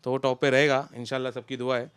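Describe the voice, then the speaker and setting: A man's voice: mid-range voice, quick pace, clean tone, dry recording. A young man, chatting loosely as an interview guest about a friend. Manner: relaxed, talks in loose run-on sentences. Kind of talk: casual interview chat.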